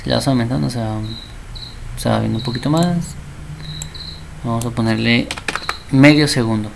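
A man's voice: mid-range voice, fairly even intonation, normal speed, gravelly, background noise. A man teaching a programming class, chatty and constantly checking that his students understand. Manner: acts out little dialogues. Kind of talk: programming lesson.

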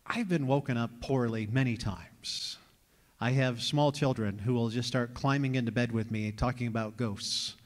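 A man's voice: medium pitch, fairly even intonation, normal speed. A man in his forties from New York, preaching a sermon as lead pastor and telling wry, conversational stories. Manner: joking, conversational storytelling. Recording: long reverb of a large hall.

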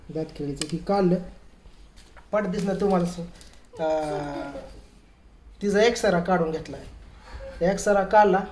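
Storytelling man in an echoey room. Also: on the high side. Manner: lively retelling that acts out others' quoted words. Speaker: family vlogger. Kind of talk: casual storytelling to camera. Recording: echoey room with faint ambient noise.

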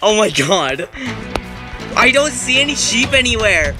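A woman's voice: mid-range voice, big pitch swings, measured pace. Panicky young woman gaming, music behind. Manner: panicky, laughing, exclaiming often. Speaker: gaming youtuber. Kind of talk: frantic casual gameplay chat. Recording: game music playing behind.

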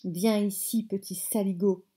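A woman's voice: medium pitch, steady tone, measured pace, dark tone, husky. A woman doing a stern, furious mother. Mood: angry. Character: alarmed then furious young mother, stern.

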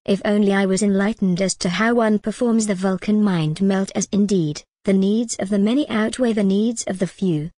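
A woman speaks straight to her viewers in a scripted monologue, earnest and persuasive but slipping in wry little jokes. Her pitch sits in an ordinary middle range, and the recording is dry and close, with no room sound around her. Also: steady tone, moderate pace, hardly any pauses, dark tone, no echo. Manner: wry, jokey asides amid earnest persuasion. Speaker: video creator.

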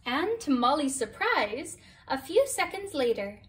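A woman reading a children's picture book aloud as a bedtime story, slow and expressive, her voice a bit distant from the mic. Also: high voice. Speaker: storybook reader.

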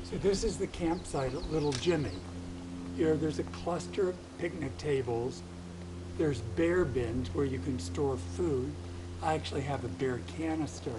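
On a mountain trail, a vlogger talks through his hike in a voice on the high side, breathless and musing aloud as he goes. The background is noisy.

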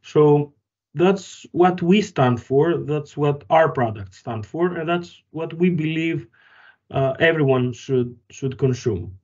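A man's voice: fairly high pitch, slow, darkish tone, dull audio. A man from Greece, founder of a food company, answering interview questions thoughtfully with frequent fillers and restarts.

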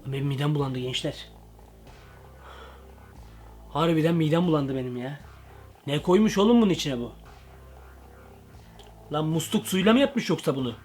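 A young man in a comedic parody vlog, talking in an excitable, slangy way with jumpy asides. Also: on the high side, moderate pace, pauses often. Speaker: comedy vlogger.

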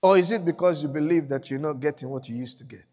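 Brief: high-pitched man pastor, emphatic and repetitive delivery, long church-hall reverb. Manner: emphatic, repeats phrases, drops to quiet slow emphasis. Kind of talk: sermon.

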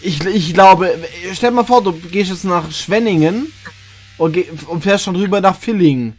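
A man with a high-pitched voice chats casually on a live stream. He rambles and repeats words while he hunts for the next one. Faint music plays behind him. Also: normal speed. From West Palatinate, Germany. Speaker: streamer host.

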